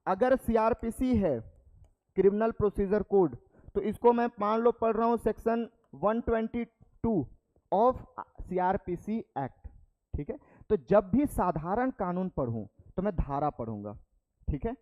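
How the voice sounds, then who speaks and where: In dull audio, a young man's high-pitched voice carries lively intonation at a measured pace as he lectures his class. He explains step by step, repeats terms, and follows each point with "ठीक है" to check in.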